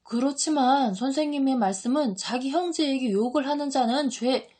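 A woman's voice: mid-range voice, normal speed, warm tone, close to an everyday voice. A woman reading an audiobook, voicing a resentful male disciple who mocks and complains. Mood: indignant. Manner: mocking, indignant.

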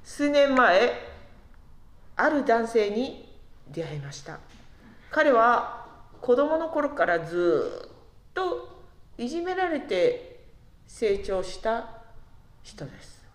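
Lively woman preaching in an echoey hall. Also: fairly high pitch. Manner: conversational, asks the listeners questions, slows down to stress words. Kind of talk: sermon to a congregation.

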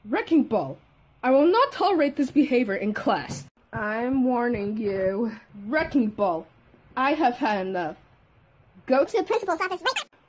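A woman voicing grown-ups in an animated cartoon, talking in a stern, scolding manner. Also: on the high side, normal speed, a little hiss or hum. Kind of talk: animated grounded-video dialogue.

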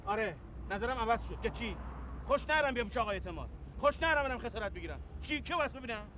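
A gruff, sarcastic driver in a TV drama who is quick to take offence. His voice sits very high for a man, with street and car noise clearly behind him. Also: animated. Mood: irritable. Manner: irritable, sarcastic. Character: gruff, prickly male driver.

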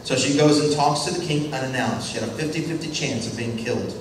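This is a church mission lecture by a man of medium pitch who quizzes the class, hears their short answers, and slips into quick character voices during his stories. The room is very echoey, the mic distant, and there is faint noise.

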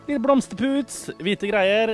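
With faint music behind him, a young man whose voice sits high hosts an entertainment show. Walking around with a handheld mic, he gives a comic, mocking villa tour full of theatrical asides, along with some studio chat.

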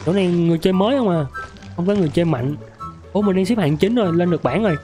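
A young man with a sore, hoarse throat streams a mobile game, yelping and repeating himself as he reacts. His voice sits a little high. Faint music plays underneath. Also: racing. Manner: excitable, yelps and repeats words. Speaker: gaming streamer. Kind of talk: excited game commentary.

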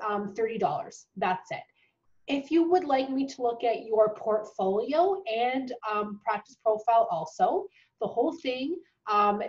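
A dental hygiene tutor in her thirties, sick with a cold and losing her voice, talks casually to camera from a small bedroom at home. Her voice is fairly high with a darkish tone, full of ums and restarts, captured by a webcam at desk distance in dull, lo-fi audio.

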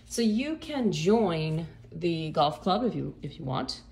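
A woman's voice: lowish voice, animated, slow, gravelly, darkish tone. A woman realtor chatting casually as she walks through an empty condo, upbeat and full of fillers, filmed on a handheld phone. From Florida. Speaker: realtor giving a home tour. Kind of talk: casual walkthrough narration. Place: empty condo, indoors, walking room to room. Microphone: phone camera held while walking. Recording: echoey empty rooms with background noise.

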